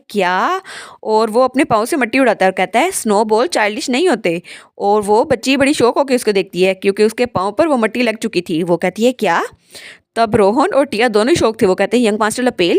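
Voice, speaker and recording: Woman storyteller narrating, bit high voice, dry close sound, pops up loud for the characters. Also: lively intonation, brisk, no echo. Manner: retells a comic story, briefly raising her voice for the characters.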